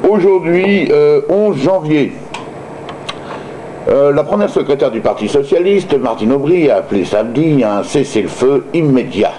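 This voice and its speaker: A man's voice: on the high side, lively intonation, normal speed, music in the background, rough recording. A man reading news like an amateur radio host, stumbling and hesitating, with sardonic personal asides.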